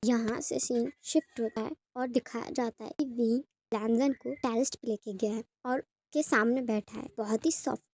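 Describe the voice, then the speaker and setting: A woman's voice: fairly high pitch, fairly even intonation, moderate pace, few pauses, darkish tone. A woman narrating a fan fiction story in a conversational, retelling manner.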